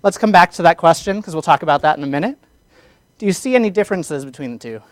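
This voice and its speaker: A male instructor with a high, crisp voice lectures a classroom on public speaking. He is energetic and keeps asking the students questions. The sound is dry and close. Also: fast, no echo.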